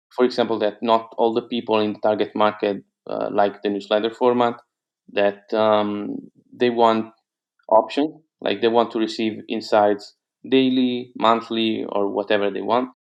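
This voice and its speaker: The lo-fi recording catches a guest entrepreneur with a lowish, gravelly voice at a moderate pace. A native Italian speaker with a matching accent, he's hesitant in this casual interview, full of fillers and restarts.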